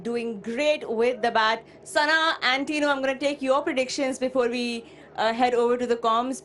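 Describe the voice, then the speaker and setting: Female cricket presenter, brisk, high voice, faint music behind. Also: a bit bright. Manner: brisk, hands over to pundits. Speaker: studio presenter. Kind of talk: live sports presenting.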